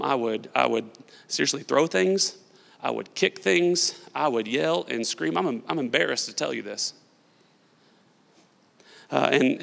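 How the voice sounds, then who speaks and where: A male pastor preaching a sermon. He swings between loud, emphatic preaching and hushed, confessional storytelling. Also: a little high, gravelly. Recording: long hall reverb.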